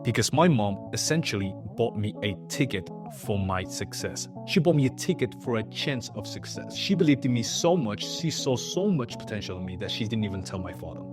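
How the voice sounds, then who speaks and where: A man's voice: on the low side, brisk, hardly any pauses. Earnest young man telling a story. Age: 20s. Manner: earnest, animated storytelling with acted-out quotes. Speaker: YouTuber. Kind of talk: storytelling vlog monologue. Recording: faint background music.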